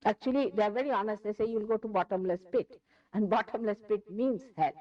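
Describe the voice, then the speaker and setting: A woman's voice: medium pitch, fast talker, far from the mic. Indian woman, spiritual teacher, emphatic lecture style with repeated phrases, voice set back from the mic on a dull lo-fi 1981 tape.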